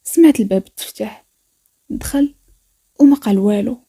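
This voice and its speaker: A woman with a Moroccan accent narrating a first-person story in a soft, intimate way. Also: mid-range voice, normal speed, husky.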